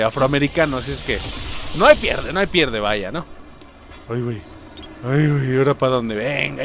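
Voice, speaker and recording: A young man with a Mexican accent, joking and yelling through a let's play of a video game. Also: fairly high pitch. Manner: excitable, jokey, yells at enemies. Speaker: gaming YouTuber.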